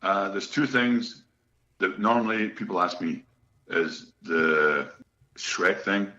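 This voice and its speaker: This middle-aged Scottish guest musician has a low, steady voice with a sharp edge, and he speaks slowly. He tells stories in a chatty, joking way during a casual interview, recorded in an echoey room with dull lo-fi sound.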